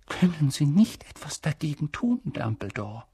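A man voicing a stern, anxious older witch professor in an audiobook, in a hushed, sharp manner. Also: sing-song, moderate pace, slightly rough, no room sound, clean studio sound, full character voice. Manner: hushed, sharp, raised pitch. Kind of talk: audiobook character voice.

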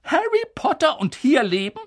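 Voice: big pitch swings, normal speed, no echo, clean studio sound. McGonagall: stern old witch, as a reader puts her on. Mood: indignant. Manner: urgent, pressing, high and insistent. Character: stern older female witch professor.

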